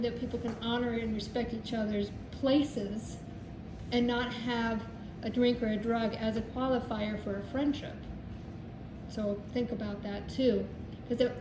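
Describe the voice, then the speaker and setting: Higher-voiced older woman sharing, echoey room. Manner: halting, earnest, meandering. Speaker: recovery group member sharing. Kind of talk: informal personal testimony. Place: echoey room, speaking to a group. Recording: echoey room with clear background noise.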